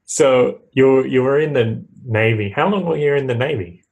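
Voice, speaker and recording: A man's voice: medium pitch, normal speed, creaky, a little mellow, lo-fi sound. Attentive male podcast host. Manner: attentive, prompting with short questions and agreeing murmurs. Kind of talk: casual interview talk.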